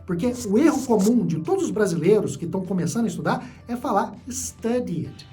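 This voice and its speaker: A man's voice: high-pitched, sing-song, quick pace, dark tone, faint music behind. A man with a Brazilian accent teaching a video lesson, patient and repeating key points for his students. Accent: Brazilian Portuguese. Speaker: English teacher.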